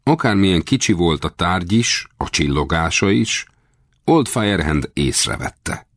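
Very deep-voiced male audiobook narrator. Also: lively intonation, a bit bright, no room sound, clean studio sound. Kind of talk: first-person novel narration.

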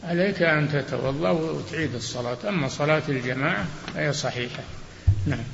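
Gravelly older-sounding guy giving quick firm answers, echoey dull hall tape. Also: fairly high pitch. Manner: short, firm rulings, often closing with "na'am". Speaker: sheikh answering religious questions. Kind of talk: lecture question-and-answer rulings. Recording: roomy, dull old hall recording with faint hiss.

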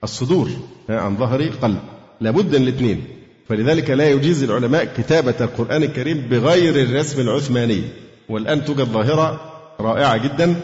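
A man with an Egyptian Arabic accent teaching a Quran lesson, explaining slowly, quizzing his students and chanting verses. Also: medium pitch, darkish tone. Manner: slow deliberate explanation, quizzing students, recites verses melodically. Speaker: sheikh teaching Quran exegesis. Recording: dull, echoey lecture hall.

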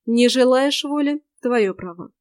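A woman's voice: high-pitched, measured pace, clean tone, no echo, studio quality. A teasing young forest spirit girl, as a woman puts her on. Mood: mocking. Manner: teasing, bright, sharp-tongued. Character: mischievous young female forest spirit, mocking.

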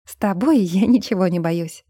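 A jittery young woman who grumbles and frets, voiced by a female narrator in a storybook. The voice is mellow and soft, recorded dry and close to the mic. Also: medium pitch, moderate pace, husky, no echo, close to an everyday voice. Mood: nervous. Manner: nervous, grumbling.

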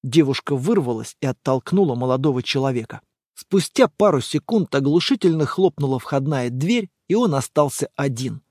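A man narrating an audiobook in a calm, measured way. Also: mid-range voice, dry recording, studio quality.

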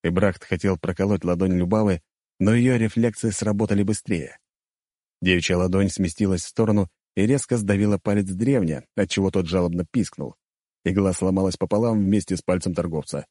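Deep, warm male reader for first-person fantasy narration, measured delivery. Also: no room sound, clean studio sound. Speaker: audiobook narrator.

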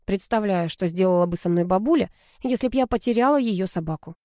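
A woman narrating a first-person story as an audiobook, in a lively, expressive storytelling manner. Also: mid-range voice, fast, no room sound, clean studio sound.

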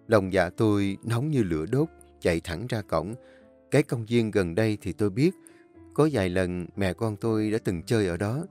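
A man narrating a first-person audio story with a measured, emotional reading. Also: on the low side. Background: soft instrumental music.

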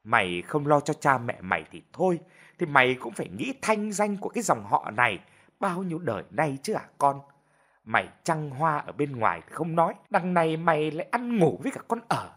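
A man voicing a stern mother who berates her grown son in a sharp, cutting way. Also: fairly low pitch, big pitch swings, measured pace, heavily acted. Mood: scolding.

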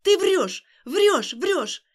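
A woman's voice: very high voice, big pitch swings, extremely slow, voice pushed up, heavily acted. A woman reading an audiobook, voicing a betrayed young woman with pleading, tearful outbursts. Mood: screaming.

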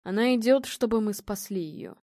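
A woman's voice: mid-range voice, normal speed, a little mellow, no echo, clean studio sound, lightly acted. A woman voicing a confident, imposing male medium who speaks weightily and commandingly, in a storybook reading.

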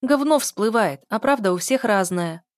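A woman's voice: mid-range voice, expressive, moderate pace, no room sound, studio quality, close to an everyday voice. Woman voicing a cynical scheming young woman. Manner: cynical, pushy.

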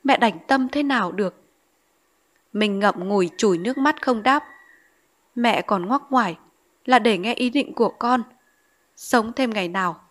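A woman reading a novel aloud as an audiobook narrator, speaking every character's lines in her own voice with small shifts in pitch. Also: fairly bright tone.

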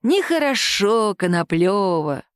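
A woman voicing a calm, caustic male police captain who questions a suspect slowly in an audiobook. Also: on the high side, no room sound. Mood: dry. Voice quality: nagging, dry. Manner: slow, calm, measured interrogation.

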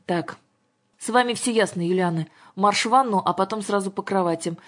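A woman voicing a stern, angry middle-aged father who barks orders and threatens loudly, with a slightly husky voice. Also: medium pitch, expressive, normal speed. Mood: bossy. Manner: blustering, commanding, shouting orders.

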